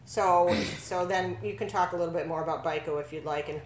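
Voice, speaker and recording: A woman's voice: fairly low pitch, steady tone, fairly quick, a little hiss or hum. A woman hosts a casual podcast chat. She explains patiently and at length. Her voice rings in an echoey room. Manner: explanatory, speaks on her daughter's behalf. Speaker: podcast host and mother.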